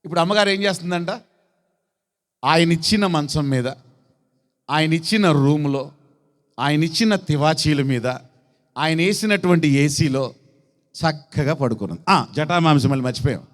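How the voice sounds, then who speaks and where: Preaching as a bishop during a church service, a man reads scripture in a slow, raised chant and puts questions to his congregation. He speaks with a Telugu accent from Andhra Pradesh, his voice on the high side, and the church hall gives a long reverb.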